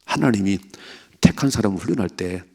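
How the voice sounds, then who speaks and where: A man's voice: on the low side, lively intonation, brisk, creaky, dark tone, slightly rough. A male pastor giving an emphatic sermon at an early morning prayer service, exhorting the congregation with rhetorical questions.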